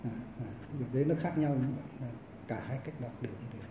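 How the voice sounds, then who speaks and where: A man, a Buddhist monk giving a Dharma lecture in a halting way, full of repeated fillers and restarts, recorded in a monastery hall. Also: mid-range voice, background noise. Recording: roomy echo, mic at a distance.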